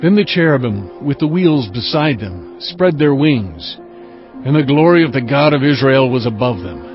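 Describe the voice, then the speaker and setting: A man's voice: medium pitch, lively intonation, close to an everyday voice. Man playing solemn prophet Ezekiel, slightly muffled. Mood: solemn, awed. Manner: solemn, measured, earnest. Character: obedient male Hebrew prophet recounting his visions. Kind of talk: dramatized scripture narration. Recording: muffled sound with music behind. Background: cinematic music.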